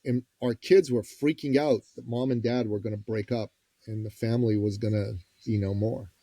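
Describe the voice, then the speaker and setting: A man, a business coach and podcast guest, telling a story in a lively, folksy way and acting out the people he quotes. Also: fairly low pitch, moderate pace, no room sound. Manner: lively, acts out quoted voices; direct, folksy phrasing. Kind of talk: conversational storytelling.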